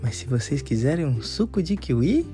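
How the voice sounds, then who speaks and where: A woman voicing a sweet old country lady who speaks gently and slowly. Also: low voice, big pitch swings, faint music behind, voice pushed down. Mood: gentle.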